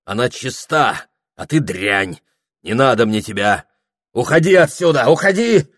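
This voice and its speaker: A male reader voicing a feverish, frightened young man who cries out in high, strained bursts. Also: measured pace, a bit bright. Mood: indignant.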